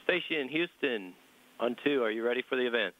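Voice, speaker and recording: A man's voice: medium pitch, lively intonation, brisk, dull audio. Man on a distant space-to-ground radio link. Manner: clipped, formal radio phrasing. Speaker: mission control communicator. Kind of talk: radio call procedure.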